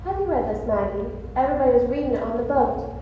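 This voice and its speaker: High-voiced glamorous actress, all gush and swoon, a woman doing it on stage, big echoey hall. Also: lively intonation, fast talker, dull audio, natural voice. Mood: arch, sweet. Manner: theatrical, breathy swooning delivery. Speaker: stage actor. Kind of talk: live community stage play. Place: large auditorium stage. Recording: echoey hall, faint room noise.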